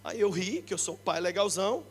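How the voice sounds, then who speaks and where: A middle-aged Brazilian pastor with a Brazilian Portuguese accent preaches to a church crowd in a very high voice. He jokes, shouts his main points and slips into quick impressions of the people he talks about. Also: a little hiss or hum. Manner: energetic and joking, shouting the key points, acting out quoted people. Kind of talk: lively sermon. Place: church congress hall.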